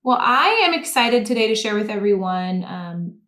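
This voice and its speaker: A woman's voice: mid-range voice, big pitch swings, normal speed, a bit bright. Upbeat woman podcast host. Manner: upbeat, enthusiastic. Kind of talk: podcast interview.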